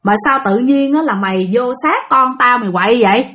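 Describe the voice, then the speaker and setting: A woman's voice: a little high, expressive, brisk, fairly bright tone. A woman doing a scolding older mother. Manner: scolding, commanding. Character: stern older mother scolding her daughter.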